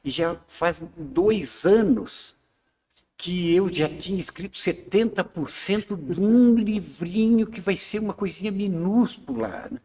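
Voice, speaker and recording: A man's voice: sits high, a little slow, mellow, big-room sound. A man in his seventies, a poet being interviewed, who talks hesitantly with many fillers and restarts. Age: 70s. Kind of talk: casual interview chat.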